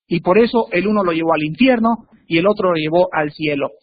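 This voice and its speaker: High-voiced male preacher, emphatic sermon delivery with sharp pitch jumps, on a tinny, lo-fi recording. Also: fairly quick. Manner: emphatic, with sudden swings in pitch and loudness. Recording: tinny phone-like recording with faint hiss.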